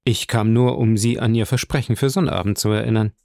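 A man voicing a suave, composed count who speaks with polished, measured courtesy. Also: lowish voice, fairly even intonation, warm tone, no room sound, clean studio sound, close to an everyday voice. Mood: courteous.

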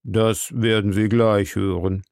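Man reading as a stuffy old judge, slow and deliberate, gravelly, dry sound. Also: lowish voice, level tone, darkish tone, no echo. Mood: officious. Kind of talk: audiobook character voice.

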